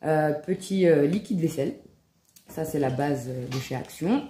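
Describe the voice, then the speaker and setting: A woman's voice: sits low, animated, normal speed. A woman, chatting enthusiastically to viewers as she shows off her shopping haul, with many fillers and little "hop"s. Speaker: home vlogger showing a shopping haul. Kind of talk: casual haul vlog to viewers. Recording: echoey room with faint background noise.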